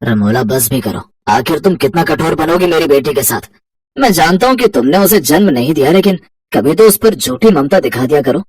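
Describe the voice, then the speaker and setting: Brief: woman voicing a gentle father, lowered voice, calm and reproachful, distant. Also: brisk. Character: gentle kind father defending his daughter.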